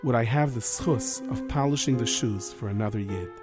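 A man voicing a humble, patient older rabbi who speaks low and calmly. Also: moderate pace, over music, close to an everyday voice.

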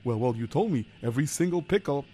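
A man's voice: medium pitch, animated, quick pace, warm tone, natural voice. A man voicing a bumbling, fretful worker who speaks, lamenting and stammering. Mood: flustered. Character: bumbling hapless male worker, fretful and clumsy.

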